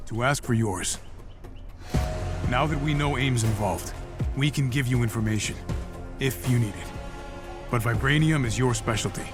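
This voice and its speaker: A man playing an earnest, steady soldier hero in a video game, with an American accent and a plain-spoken manner. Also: medium pitch, moderate pace, pauses often, close to an everyday voice. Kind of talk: cinematic video game acting. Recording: prominent background music.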